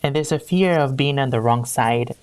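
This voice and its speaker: Speaking at a normal speed in a bass, slightly mellow voice without echo, this Peruvian woman, an HR executive, is an interview guest in a conversational exchange. She sounds earnest and keeps hunting for words, often restarting.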